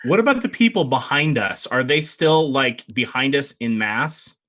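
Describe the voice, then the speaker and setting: A woman's voice: very deep voice, animated, normal speed, fairly bright tone. A woman playing a tabletop game, bantering casually in a wry, joking way.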